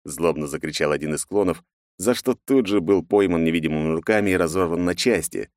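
A man narrating an audiobook in a measured, expressive way. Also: deep voice, no echo, clean studio sound.

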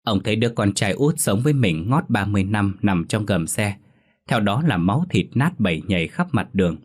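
A man narrating a ghost story in a steady, dramatic storytelling manner. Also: fairly low pitch, fairly quick, slightly rough. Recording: faint music underneath.

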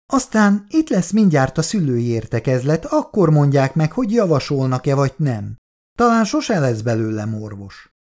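A man's voice: fairly high pitch, big pitch swings, darkish tone. A reader voicing Laci, a troubled young man unsure about his love, in a storybook reading. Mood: brooding.

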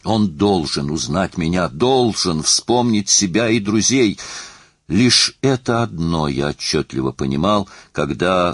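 A man's voice: low voice, no echo, studio quality. A man narrating an audiobook in a dramatic, emotionally charged reading style.

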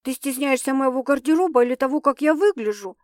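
A flustered, dramatic young woman bursts through this audiobook scene, her lines pitched high and pushed loud, as a woman reader takes her on. The sound is dry and close, with no room around it. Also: quick pace, no echo, natural voice. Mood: defensive. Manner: excitable, exclaiming, higher and louder than narration.

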